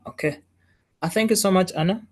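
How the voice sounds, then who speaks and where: A courteous man hosts an online class over a video call, greeting each participant by name. His voice sits a little on the high side. He thanks people warmly and invites others to speak. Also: fairly quick.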